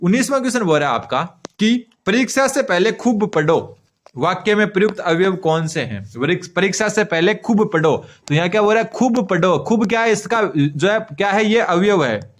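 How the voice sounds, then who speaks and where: A man's voice: high-pitched, animated, normal speed. A man teaching an exam-prep grammar lesson, asking questions and answering them himself, repeating key terms while he writes on a board.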